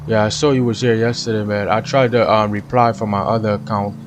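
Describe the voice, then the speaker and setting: Speaking briskly in a lowish, steady voice, a man from Trinidad casually commentates his police game stream over background noise. He's chatty with viewers, laughs a lot, and has a Trinidadian accent.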